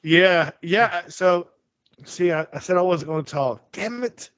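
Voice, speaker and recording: A man's voice: high voice, unhurried, a bit bright, no room sound. A man in his forties telling a rambling story in casual chat, full of restarts and stammers. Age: 40s. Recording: dull lo-fi sound.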